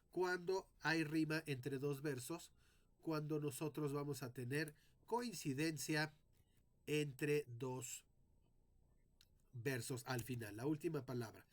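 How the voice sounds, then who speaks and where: A man teaching a lesson on poetic meter, speaking deliberately and sounding out syllables one by one as he explains. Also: a little high. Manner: addresses students directly.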